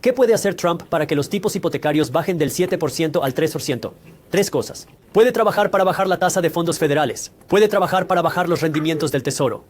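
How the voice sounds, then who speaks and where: Speaking fast and expressively in a somewhat high voice, the host of a personal finance explainer addresses the viewer directly in scripted educational narration. His didactic approach lays out each point step by step, backed by examples.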